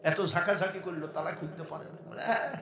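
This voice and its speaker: A man with a Bangladeshi Bengali accent preaching a waz sermon, telling stories in an animated way, soft asides giving way to shouted and sung lines. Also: sits high, rapid-fire, roomy sound.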